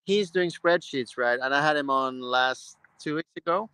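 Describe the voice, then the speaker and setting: A man's voice: on the high side, normal speed, bright, forceful tone, clean tone, no echo, poor audio. A man from Norway hosting a casual live stream, talking with enthusiasm in loose, rambling sentences full of restarts. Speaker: host. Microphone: live-stream mic.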